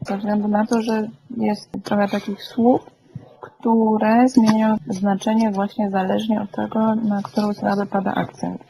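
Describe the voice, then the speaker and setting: A woman leads a classroom lesson, patiently asking her students questions and checking they follow. Her voice is mellow with a creaky edge. Faint background noise runs under the recording. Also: medium pitch, little pitch movement, measured pace, rough recording. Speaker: Greek teacher.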